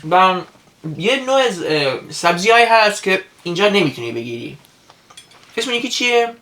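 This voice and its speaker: Bright, teasing young man in an echoey room. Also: high-pitched, sing-song. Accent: English-accented Persian. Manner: teasing, switching between Persian and English. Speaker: co-host of a food vlog. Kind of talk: casual mukbang chat.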